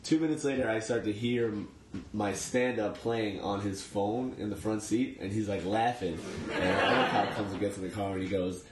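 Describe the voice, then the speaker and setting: A man's voice: on the low side, moderate pace, roomy sound, very noisy. A young man from Long Island, a comedian telling laid-back, profane stories as a podcast guest. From Long Island, New York. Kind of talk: casual storytelling interview.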